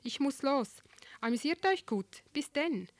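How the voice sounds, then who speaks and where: A woman voicing a busy young activist who talks in clipped, hurried phrases while reading a story aloud. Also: high-pitched, animated, no room sound, pitched above the performer's own voice.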